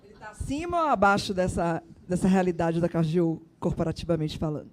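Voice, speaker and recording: A man with a high voice moderating a corporate panel. He puts questions to the panel and speaks straight to the audience with direct requests. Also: a little fast, slight background noise.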